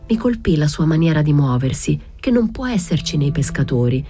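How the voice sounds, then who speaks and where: Woman reading a novel out loud, low dark voice, dry close sound. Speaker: reader. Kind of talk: literary reading aloud.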